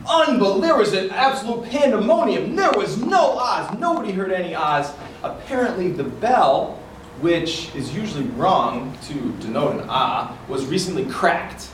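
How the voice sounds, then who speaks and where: A man's voice: high voice, lively intonation, normal speed. Guy doing a tall tale speech, theatrical, really echoey and far from the mic, noisy. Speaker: contestant in a club speech contest. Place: indoor room before an audience.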